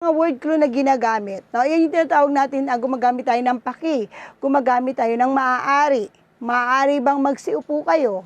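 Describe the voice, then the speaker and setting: Woman, Filipino accent, teacher, high voice, coaxing tone, lesson. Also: steady tone, a little fast, lo-fi sound. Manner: coaxing, checks with "no?" and "okay?". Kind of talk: online class lesson.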